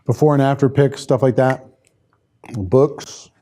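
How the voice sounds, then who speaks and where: He teaches sales in a relaxed, chatty live online session, working through viewer comments and reasoning aloud as he replies. The voice is mid-range and mellow, with a steady tone and a measured pace.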